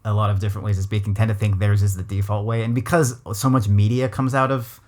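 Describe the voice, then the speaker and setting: Fast and a little mellow, a fairly low, level male voice hosts a casual podcast interview. He's from Los Angeles and has a West Coast American accent, and his thoughtful talk is full of hedges and restarts.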